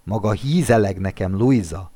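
A crafty, croaky old man in a storybook, as the male reader puts him on. He is full of sly good humor. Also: lowish voice, dark tone, close to an everyday voice.

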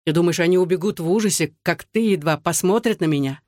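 A reader voicing an anguished, bitter soldier husband who speaks low and clipped through gritted teeth, in an audiobook. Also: male voice, quick pace, a little mellow, no room sound, clean studio sound, lightly acted. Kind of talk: audiobook dialogue.

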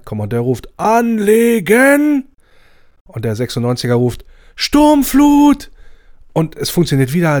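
A man hosting a fan radio show, chatting, telling jokes in an animated way. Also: medium pitch. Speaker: host.

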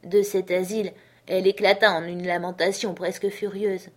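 A woman narrating a literary audiobook in a measured, earnest storytelling manner. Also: mid-range voice, flat delivery. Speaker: audiobook reader.

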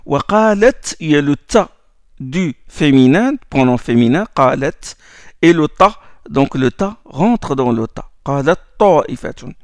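A man's voice: on the high side, expressive, measured pace, darkish tone, dry recording. A man teaching Quran recitation rules in a lesson, explaining in French and chanting Arabic verses, often repeating words as he goes.

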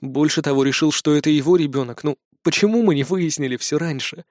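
A man reading an audiobook, voicing a stern man who speaks low and reproachfully. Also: fast talker, darkish tone, dry recording, clean studio sound, close to an everyday voice. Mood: regretful. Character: grown man, stern and cold.

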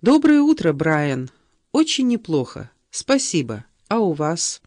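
A woman's voice: on the low side, very animated, measured pace, a little mellow, no echo. A woman voicing a gracious, absent-minded female teacher who answers politely and distractedly, in an audiobook reading.

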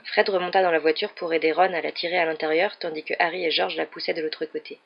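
A steady audiobook narrator reads a children's story with calm, measured pacing. The voice sits in a middle range. The recording sounds a little dull and lo-fi. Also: mid-range voice, gravelly, breathy edge. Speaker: audiobook reader. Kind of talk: scripted narration.

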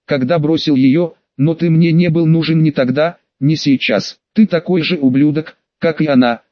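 A man's voice: a little high, steady tone, moderate pace, no echo, natural voice. A man reading a scornful, contemptuous father. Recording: dry, slightly dull audio.

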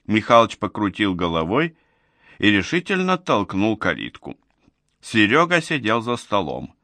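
A man's voice: on the low side, huge pitch swings, unhurried, bright, forceful tone, dry recording. A man narrating a science fiction story as an audiobook, reading expressively.

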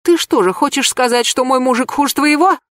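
Brief: a woman playing a jealous young shrew, shrieking insults, pitched high above her own voice, dry close sound. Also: brisk, no echo, natural voice. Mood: shrill fury. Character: brash jealous young woman, shrill and quarrelsome.

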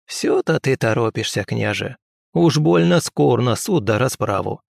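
A man's voice: mid-range voice, lively intonation, measured pace, gravelly, dry recording, clean studio sound, heavily acted. A man voicing a shrewd, bossy old village wise woman with a folksy, scolding manner. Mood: grumbling. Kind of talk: audiobook character voice.

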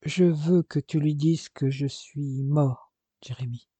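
A man's voice: a little high, fairly even intonation, slow pace, mellow, slightly rough, dry recording. A man voicing a young man crippled after an accident, grave and bitter, in an audiobook.

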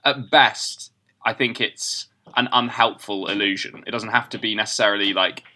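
Bright-voiced, giggly man co-hosting a podcast. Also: fairly low pitch, steady tone. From southern England. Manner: quick, giggly, sarcastic. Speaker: podcast co-host. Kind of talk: casual political comedy chat.

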